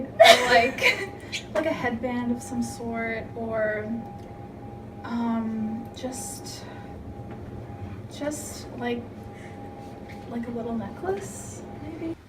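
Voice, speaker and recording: Hesitant eighteen-year-old woman, slow and unsure. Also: on the high side. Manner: hesitant, full of fillers, giggly. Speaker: student. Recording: distant mic, background noise.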